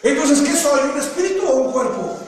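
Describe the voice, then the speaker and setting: A man preaching a sermon, firing rhetorical questions, breaking into shouts and joking asides. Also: very high-pitched, expressive, moderate pace. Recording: echoey hall from far off, faint noise.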